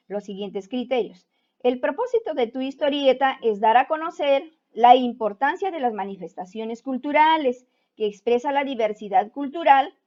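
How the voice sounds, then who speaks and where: A woman's voice: a little high, darkish tone. A woman teacher giving an online class to students, who keeps tagging her sentences with a checking "¿no?". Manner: keeps asking "¿no?" to check understanding. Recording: dull lo-fi home recording.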